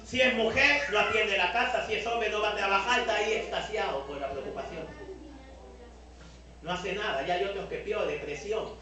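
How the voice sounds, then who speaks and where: A man with a Peruvian Spanish accent preaching a lively sermon as pastor, acting out the voices he quotes. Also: sits high, normal speed, a crowd in the background. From Peru. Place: large church hall. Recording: echoey hall, mic at a distance.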